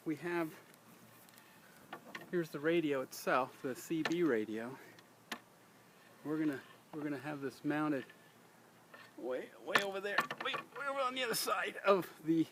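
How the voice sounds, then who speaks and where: Beside a vehicle outdoors, an American man hosts a casual DIY how-to in a folksy, rambling manner, correcting himself often. His fairly high voice is animated yet a little slow, with frequent pauses, and the on-location camera audio is noisy.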